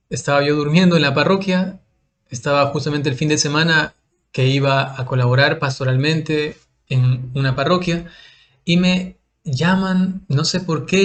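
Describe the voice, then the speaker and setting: A young adult man, a priest, telling a personal story in a conversational way, often ending phrases with a questioning tag. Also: fairly high pitch.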